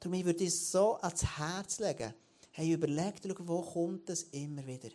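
A man, preaching to his church in an animated way, often restarting and repeating words. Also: fairly high pitch, moderate pace. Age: late 30s. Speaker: church leader. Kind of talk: sermon.

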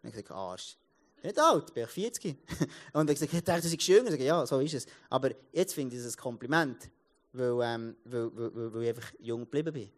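Speaking fairly quickly in a mid-range voice, a Swiss German-accented man in his thirties preaches casually as a pastor. His storytelling is lively but full of restarts and repeated words.

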